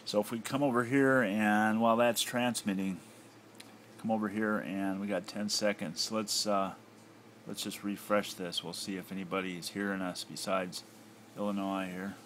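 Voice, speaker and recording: The voice here belongs to an American ham radio hobbyist: on the low side, a bit bright, fairly even in intonation, at normal speed. He gives a casual, unscripted demonstration from his home radio desk, thinking aloud hesitantly, in a noisy handheld recording.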